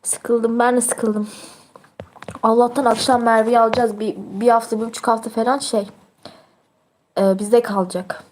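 This is a chatty, teasing teenage girl talking live to her viewers and reading out their comments. Her voice sits a little high, and she laughs often. A faint hiss runs behind her. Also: flat delivery, moderate pace, pauses often. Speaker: livestreamer. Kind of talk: casual livestream chat, reading out viewer comments.

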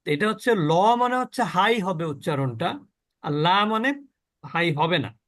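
Teacher, male, high pitch, slow deliberate delivery, questions the class, stretches the model words. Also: big pitch swings, fairly bright tone. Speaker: Quran recitation teacher. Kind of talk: Quran pronunciation lesson.

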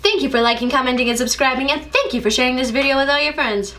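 A woman's voice: sits high, fast talker, a bit bright, slight background noise. A woman hosting a casual taste-test video, chatting and explaining as she goes. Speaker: host. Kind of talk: casual chat.

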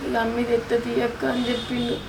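A woman's voice: a little high, completely flat delivery, fast, creaky, echoey room, background noise. A young woman with a Telangana Telugu accent playing a sorrowful, weary pregnant wife in a village drama, talking in a plaintive, tearful way. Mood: sad, plaintive. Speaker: actor in a village short film.

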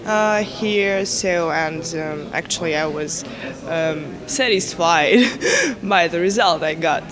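A woman's voice: lowish voice, slow pace, crowd noise. A young woman from Russia, a prospective student, answering hesitantly with fillers and short laughs. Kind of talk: interview answers.

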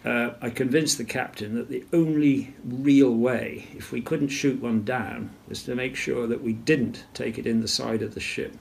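An older man tells his story in an interview, unhurried and measured. His voice is gravelly and sits at a middle pitch, and he clears his throat often as he talks. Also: steady tone. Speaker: retired naval officer interviewee. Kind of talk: interview recollection.

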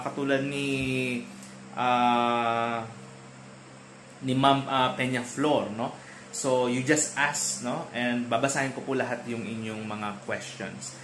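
A man's voice: medium pitch, fairly bright tone. Man teaching choir in an echoey room. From Philippines. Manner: explanatory, checks in often with a tag question. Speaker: choral music teacher. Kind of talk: casual online lesson. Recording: roomy echo with faint noise.

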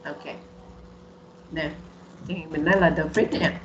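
A woman's voice: low voice, steady tone, takes it slowly, reverberant, muffled recording, background noise. A woman teaching English on a video call, patiently repeating words for students to practice. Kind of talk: online bilingual English lesson.

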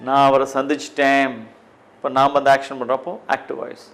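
A man with a Tamil accent teaching an English grammar lesson, drilling phrases one by one in a deliberate way. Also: medium pitch, monotone, creaky, a bit bright. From Tamil Nadu, India.

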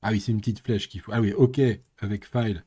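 A man's voice: lowish voice, steady tone, a little fast, warm tone, breathy edge. A man streaming live coding, thinking aloud and muttering with playful sound effects. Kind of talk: casual live coding commentary.

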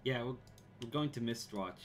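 A man's voice: mid-range voice, normal speed, soft background music. A man playing in a tabletop game, talking casually and hesitantly. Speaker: player. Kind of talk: casual chat.

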